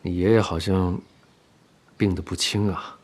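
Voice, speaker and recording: An actor playing a kindly, easygoing middle-aged father who talks softly, at times half in a whisper, in a period TV drama. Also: low voice, steady tone, measured pace. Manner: gentle, soft, half-whispered consoling. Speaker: father figure.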